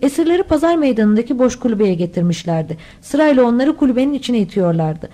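A woman's voice: fairly high pitch, sing-song, quick pace, dark tone. A woman reading a children's adventure novel aloud as an audiobook, voicing all the characters herself. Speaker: audiobook reader. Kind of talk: scripted audiobook narration.

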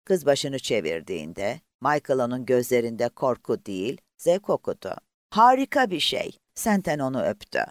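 A man's voice: mid-range voice, sing-song, moderate pace, hardly any pauses, darkish tone, no echo, clean studio sound. A man narrating an audiobook expressively and voicing the characters himself.

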